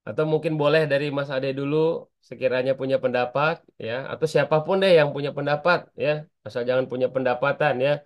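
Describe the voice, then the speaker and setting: A man's voice: mid-range voice, fairly even intonation, fast, dull audio. A man teaching an online public speaking class, chatty and constantly asking his students for answers.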